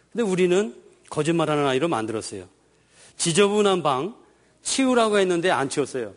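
A middle-aged man giving a lecture on raising children, acting out parents and children and asking the audience questions. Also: a little high. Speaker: speaker on parenting. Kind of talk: lecture with acted dialogue.

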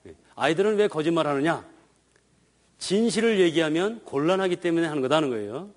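A man's voice: fairly high pitch, lively intonation, fairly quick. A middle-aged man giving a lecture on raising children, acting out parents and children and asking the audience questions. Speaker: speaker on parenting. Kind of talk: lecture with acted dialogue.

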